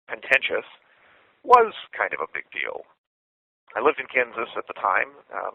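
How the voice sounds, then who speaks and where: A man in his forties talks over a tinny prison payphone call, low and gravelly with a husky edge. He speaks in a measured, deliberate way, reflecting aloud like a spoken essay. The line is dry and close. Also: dry recording. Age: 40s. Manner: measured, thoughtful, deliberate delivery. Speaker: podcast host and imprisoned writer. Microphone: phone handset.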